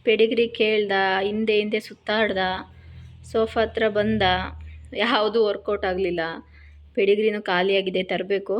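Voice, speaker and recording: A woman talking to her pet dog in a scolding, coaxing way, then quietly explaining to viewers. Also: medium pitch, little pitch movement, normal speed, lo-fi sound. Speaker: pet vlogger.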